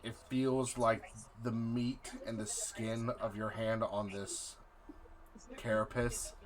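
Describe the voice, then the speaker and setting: A man narrating a horror tabletop game as game master, halting and dramatic, repeating phrases for effect. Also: on the low side, little pitch movement, a crowd in the background, low-quality recording.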